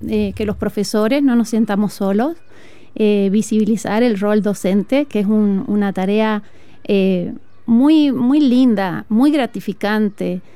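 This woman, a music teacher and flutist from Tucumán in northern Argentina, reflects earnestly during a conversational interview in an outdoor school courtyard, with many "eh" pauses. She has an Argentine Spanish accent and a mellow, clean, mid-range voice, with no echo.

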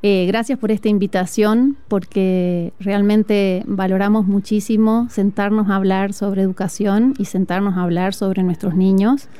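A woman from northern Argentina with a northern Argentine accent, a music teacher speaking earnestly and reflectively as an interview guest, often pausing on fillers. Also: medium pitch, steady tone, dark tone, clean tone, no echo. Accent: northern Argentine Spanish. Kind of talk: conversational interview. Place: school patio, outdoors.

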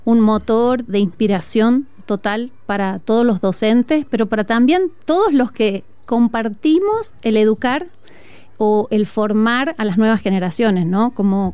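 Sitting for a conversational interview on a school patio, a guest music teacher speaks in northern Argentine Spanish, her voice warm, mellow, smooth and resonant, on the high side. She talks at normal speed, earnestly and reflectively, dropping in a few thoughtful fillers, and the recording is dry.

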